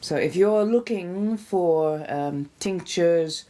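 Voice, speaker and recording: Slow and warm, her fairly low voice carries her casual livestream chatter. She snacks and sips while welcoming viewers with gushing, theatrical pet names.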